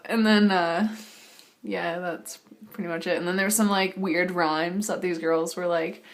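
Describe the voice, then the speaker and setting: A woman in her early twenties casually recounts a dream in a hazy, halting, rambling way, with loose slangy phrasing. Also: on the low side, fairly even intonation. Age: early 20s. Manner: acts out quoted exchanges in casual slangy speech.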